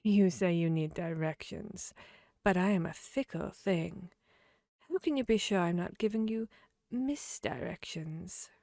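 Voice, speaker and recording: A woman's voice: lowish voice, vocal fry, warm tone, dry recording, clean studio sound. A woman voicing a grinning, fickle cat from Wonderland, playful and riddling, in an ASMR fantasy roleplay. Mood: coy, riddling. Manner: slow, playful, riddling drawl. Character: grinning Cheshire cat, teasing, fickle, mad Wonderland creature.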